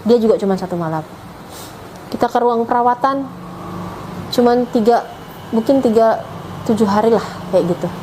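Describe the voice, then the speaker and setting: A woman's voice: fairly high pitch, moderate pace, pauses often, mellow, a little hiss or hum, rough recording. A middle-aged woman, earnestly telling her personal story with emotion. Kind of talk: personal testimony.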